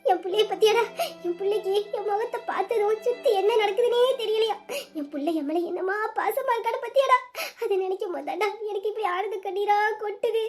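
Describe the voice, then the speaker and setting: A woman's voice: very high-pitched, faint music behind. A woman doing a fussy, doting village mother. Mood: tearful doting. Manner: fussy and sentimental, gives orders quickly. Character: doting village mother, fussing over her favourite son.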